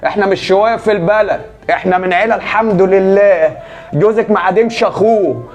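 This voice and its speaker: A man's voice: high-pitched, a little fast, muffled recording, natural voice. A man with an Egyptian accent playing a proud, protective brother who boasts and keeps pressing with questions. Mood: indignant. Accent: Egyptian Arabic.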